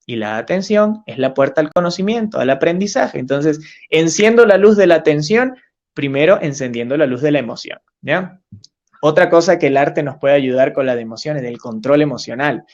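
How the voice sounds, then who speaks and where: A man's voice: on the high side, expressive, normal speed, a little mellow. A man teaching a webinar, enthusiastic and repetitive, breaking into song with a guitar. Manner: enthusiastic, repeats key ideas, sings examples with guitar. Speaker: teacher and music educator. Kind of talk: online teacher-training webinar talk. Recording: dull lo-fi webinar audio.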